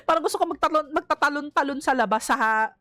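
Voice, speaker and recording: An excitable, easily startled woman with a Filipino accent, playing a horror game for viewers and reading its text aloud. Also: high-pitched, brisk, no room sound. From Philippines. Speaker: gaming streamer. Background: game music.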